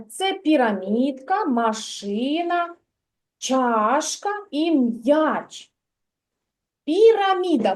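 Woman, kindergarten teacher; slow, patient, sing-song delivery for a classroom of small children. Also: sits high. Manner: slow, drawn-out, sing-song repetition of words; patient, questioning and correcting children. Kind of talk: literacy lesson for young children.

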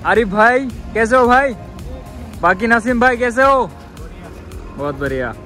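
A young travel vlogger with a very high-pitched, pushed and bright voice chats upbeat with viewers, calling them "guys," at a measured pace with lively intonation. He films on a phone held at arm's length, first inside a car and then outdoors at a scenic viewpoint, with soft music in the background.

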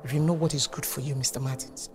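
An actress playing a proud, sharp-tongued widow with a Nigerian English accent, answering with cutting scorn. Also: female voice, very deep voice, steady tone, fast talker, music in the background. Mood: furious. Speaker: widow, homeowner. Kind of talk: film drama dialogue.

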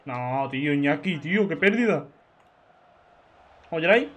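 A young man from giving excitable, chatty football video game commentary, shouting at big chances. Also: a little high, unhurried. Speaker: gaming YouTuber. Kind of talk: let's-play commentary.

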